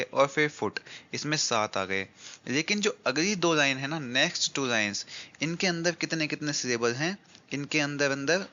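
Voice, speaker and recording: A man lectures on poetry for exam students, posing a question and then answering it himself as he counts syllables one word at a time. His voice is bright and forceful. The recording has a dull, lo-fi quality. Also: mid-range voice. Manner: explains step by step, asks and answers his own questions. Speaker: English literature teacher.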